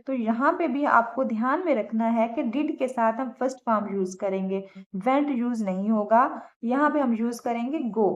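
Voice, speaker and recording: A woman with a Pakistani accent teaching English grammar, slowing down to say each example sentence and often checking that students follow. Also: high voice. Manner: slow, deliberate on example sentences, checks understanding. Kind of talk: explaining grammar lesson.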